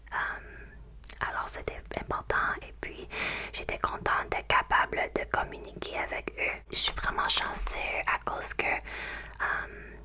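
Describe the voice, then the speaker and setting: A young woman from Canada, whose first language is English, whispers a slow ASMR ramble in an English Canadian accent and often pauses to find her words. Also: pushed and bright. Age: young adult. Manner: hesitant, pauses to search for French words. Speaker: ASMR creator.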